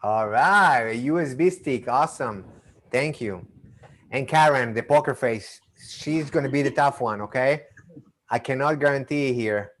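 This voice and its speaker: Raised in Argentina and Israel and carrying an accent from both, this magician and mentalist delivers live online magic show patter over a video call. He's chatty and playful, restarting often. His voice is medium-pitched and a bit bright, at a measured pace.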